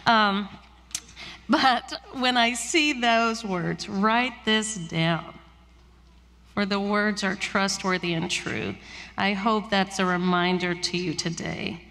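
Woman pastor, unhurried reflective sermon delivery, reverberant church hall. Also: mid-range voice, bright, forceful tone.

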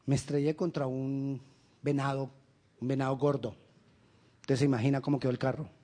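Male pastor, higher-pitched voice, emphatic sermon delivery with rhetorical questions. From Colombia. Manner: animated storytelling with quick asides.

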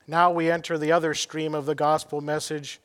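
A man's voice: fairly high pitch, flat delivery, moderate pace, a bit bright, long reverb tail. A middle-aged man preaching a sermon as pastor, earnest and emphatic, telling anecdotes.

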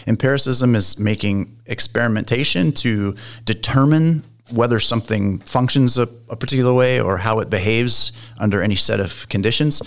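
A man with a fairly low voice talks through ideas like a seminar student. He explains step by step and often backs up to rephrase. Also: a bit bright. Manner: lecturing, restarts phrases often. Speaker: guest explaining theology. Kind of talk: explanatory conversation.

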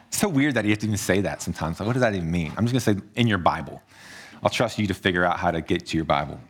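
A man preaching a sermon as pastor, earnest, moving between hushed low passages and raised emphatic ones. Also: lively intonation, fast, husky.

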